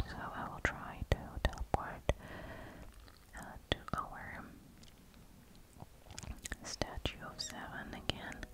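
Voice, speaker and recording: A woman whispers softly and very close to the mic as she narrates her own gameplay in ASMR style. She takes her time, with long, unhurried phrasing. The voice is breathy and gentle, as if murmuring to herself. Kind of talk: whispered ASMR game commentary. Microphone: close-up microphone.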